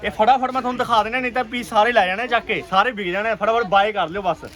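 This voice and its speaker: A man with a Punjabi accent giving an urgent, repetitive, enthusiastic sales pitch as a shop seller on an online video. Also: steady tone, racing, a bit bright. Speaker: clothing shop seller presenting stock. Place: busy clothing shop.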